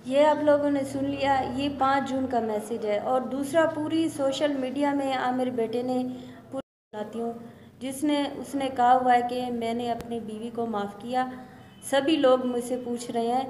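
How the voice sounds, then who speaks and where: Middle-aged woman from Pakistan, high, indignant and insistent, press conference, echoey room. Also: fairly even intonation, normal speed, a little mellow. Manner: insistent, indignant, repeats her points. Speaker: mother speaking at a press conference. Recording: echoey room with faint noise.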